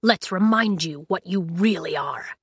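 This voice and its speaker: A woman voicing a cruel, mocking sorceress who speaks slowly and with menace, in an audiobook. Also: fairly low pitch, fairly bright tone, slightly rough, no echo, studio quality. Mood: hissing.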